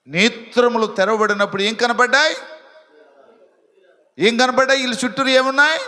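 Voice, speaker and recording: A man's voice: high voice, pushed and bright, in a large hall. A male pastor preaching a sermon to a live congregation, teasing and repeating phrases as he builds intensity. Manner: preaching with rising intensity and repetition; teasing the congregation about sleeping. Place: church hall with live congregation.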